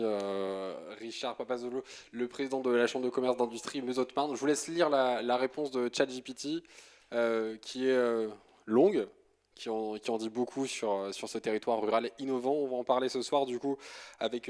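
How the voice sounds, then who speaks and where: A man moderating a panel at an assembly, halting and repeating words as he introduces the guests. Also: mid-range voice, steady tone, darkish tone.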